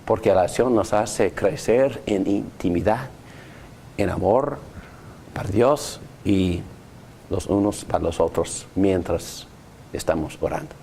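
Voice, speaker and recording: A man's voice: low-pitched, takes it slowly, creaky, slight background noise. A man teaching a Bible class on prayer, asking his students questions as he goes. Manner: animated, asks the class questions.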